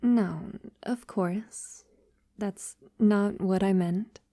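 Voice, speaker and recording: In an audio roleplay, a woman voices a tender female vampire who has lived for ages, speaking intimately to her lover. Her mid-range voice is dark and soft, very slow, broken by hesitant pauses and breathy near-whispers. The recording is dry and close with no room sound, and the mood feels hesitant and vulnerable.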